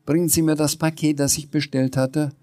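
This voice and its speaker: A man voicing a bossy, excitable older woman landlady who talks in a shrill, impatient way in a storybook reading. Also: brisk, natural voice. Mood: snippy.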